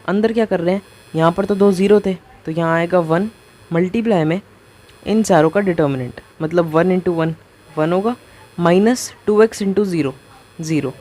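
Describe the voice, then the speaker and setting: A man giving a casual math lecture, talking through each step as he writes and keeps asking the viewer quick rhetorical questions. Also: sits high, darkish tone. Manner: talks through each step while writing. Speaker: math teacher.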